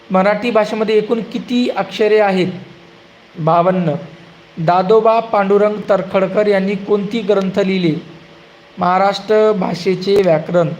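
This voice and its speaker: A man reads out exam-prep quiz questions in a fairly high voice. He takes his time and stretches out each answer slowly. A faint hum sits under the recording. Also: poor audio. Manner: asks a question, then gives the answer slowly and drawn out.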